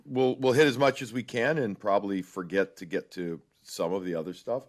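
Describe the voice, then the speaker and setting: A man co-hosting a sports podcast, talking with animated emphasis in casual chat. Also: fairly low pitch, fairly quick. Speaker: podcast co-host.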